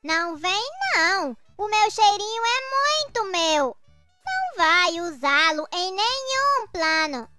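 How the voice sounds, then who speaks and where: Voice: very high-pitched, sing-song, slow pace, bright, forceful tone, no echo, faint music behind, heavily acted. An actor voicing a timid little boy, a reluctant sidekick who protests and gives in, in a children's comic dub. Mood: protesting. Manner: protesting, whiny, resigned.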